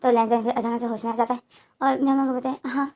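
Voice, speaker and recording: A woman's voice: on the high side, flat delivery, rapid-fire, dark tone. A woman casually retelling a story, rambling along with many linking words and fillers.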